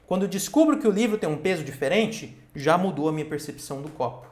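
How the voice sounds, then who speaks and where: A man's voice: a little high, expressive, fast talker. A man giving a lecture, asking himself questions aloud and often checking in with his listeners. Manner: asks himself questions aloud and answers them. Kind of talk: recorded online lecture. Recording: roomy echo.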